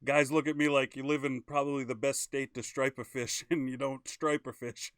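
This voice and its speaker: Smooth-voiced chatty male live-stream host. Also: mid-range voice, level tone, moderate pace, fairly bright tone, no echo, studio quality. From Maine. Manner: upbeat, chatty, plugs sponsors. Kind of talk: casual live-stream interview.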